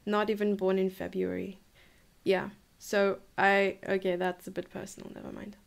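With some vocal fry in a mid-range, level voice at normal speed, a South African woman in her twenties streams a chess lesson live from home. She's enthusiastic and talkative, often laughing and thinking out loud.

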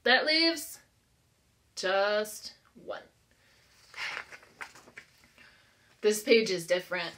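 In a mid-range voice that sounds pushed and bright, an American woman in her thirties reads extremely slowly, with lively intonation and long pauses. She's a preschool teacher leading an interactive read-aloud, speaking simply and encouragingly and asking the young children questions.

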